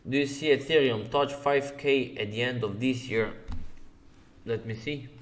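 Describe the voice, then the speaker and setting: Guy doing a trading webinar, lowish voice, says okay a lot, laid back q&a. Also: slight background noise. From Slovenia. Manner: repeats "okay" often, plain non-native phrasing, laughs easily. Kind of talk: live webinar answering viewer questions over charts.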